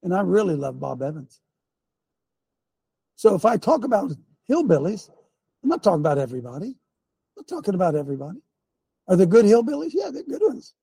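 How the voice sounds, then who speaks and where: An older man with a high-pitched, gravelly, husky voice preaches emphatic commentary. He repeats his points and keeps asking his listeners rhetorical questions, clearing his throat along the way. The recording is close and dry. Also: sing-song, brisk, long pauses, warm tone, dry recording. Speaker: show host.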